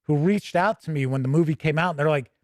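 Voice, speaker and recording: The host of a tabletop gaming show talks fast in a highish voice while leafing through a rulebook, thinking aloud and slipping into asides. The sound is clean studio audio with no room sound.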